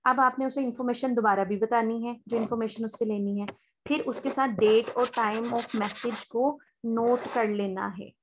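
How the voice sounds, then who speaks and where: A woman with a Pakistani accent teaching an online spoken English class, explaining step by step and slowing down for polite sample phone lines. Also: fairly high pitch, fairly even intonation, background noise.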